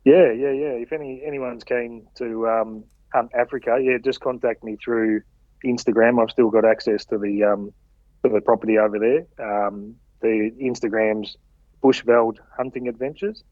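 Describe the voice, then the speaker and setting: A man's voice: mid-range voice, fairly even intonation, moderate pace, no echo. A man chatting casually as a podcast guest, laid-back and colloquial with brief answers. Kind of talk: casual interview chat. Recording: slightly dull, dry radio-like audio.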